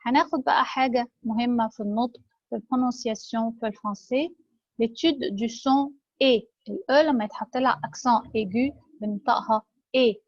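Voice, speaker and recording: A woman with an Egyptian Arabic accent gives a recorded French lesson in a fairly high voice. She says each French word slowly and carefully, then repeats it. The sound is dull and lo-fi, with a dry, close feel. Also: no room sound. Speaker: French teacher. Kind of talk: recorded lecture.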